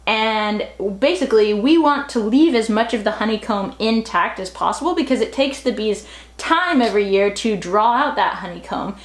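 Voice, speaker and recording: A woman's voice: a little high, lively intonation, moderate pace, echoey room. A woman vlogger giving a casual, upbeat how-to demonstration, explaining each step. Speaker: homesteading vlogger.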